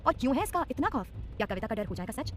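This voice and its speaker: A woman narrating an audio drama story in a rapid, dramatic way. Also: a little high, very animated, a little hiss or hum.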